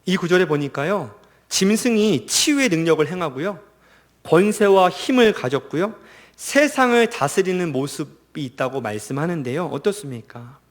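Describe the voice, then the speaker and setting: A male pastor preaching a sermon, asking the listeners questions and answering them himself, his voice rising for emphasis and dropping almost to a hush. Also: on the high side, animated, normal speed. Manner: earnest preaching with rhetorical questions, rising and dropping to near silence; reads scripture aloud in a raised voice.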